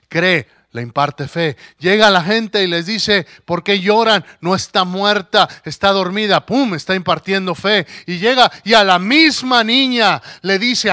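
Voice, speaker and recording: A man preaching a sermon, telling the story with animated character voices and rising to emphatic declarations. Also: high-pitched, no room sound, studio quality.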